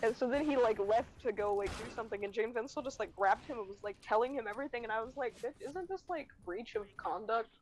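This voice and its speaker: A woman's voice: on the high side, fast, few pauses, a little mellow, slight background noise, low-quality recording. A teenage girl, casually telling a long school story while streaming a game, swearing freely and acting out what people said. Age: teens. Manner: rambling, swears freely, quotes people in dialogue.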